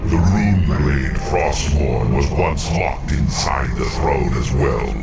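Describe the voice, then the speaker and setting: An actor playing an imprisoned undead spirit overlord in a fantasy game, portentous and commanding, in a booming otherworldly voice with an echoing effect. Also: male voice, slow pace, vocal fry, full character voice. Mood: ominous, solemn. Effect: echoing otherworldly reverb. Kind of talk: fantasy video game acting. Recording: echoing voice under loud music.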